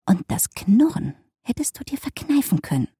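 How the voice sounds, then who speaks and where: A woman's voice: mid-range voice, expressive, unhurried, warm tone, slightly rough, dry recording, clean studio sound. Wry nineteen-year-old girl, read by a woman. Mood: muttering.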